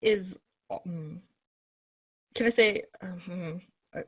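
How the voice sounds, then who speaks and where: A woman's voice: on the low side, takes it slowly, fairly bright tone, husky. A woman playing in a tabletop game, chatting casually and often giggling. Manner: giggly, playful. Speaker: player. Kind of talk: casual tabletop role-play.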